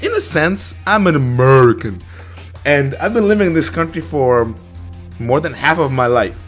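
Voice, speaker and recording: A man's voice: a little high, expressive, fast talker, soft background music. A young man from Ukraine with a Russian accent, co-hosting a casual gaming stream in a rambling, jokey, crude way. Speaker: podcast co-host.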